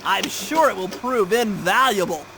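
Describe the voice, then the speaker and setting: In a low-quality recording over music, a man uses a high, bright, pushed voice with lively intonation and a faint hiss or hum. Heavily acted and unhurried, he plays a brainy, fussy young turtle gadget expert in a cartoon game, giving an earnest, commanding briefing in precise, bookish speech.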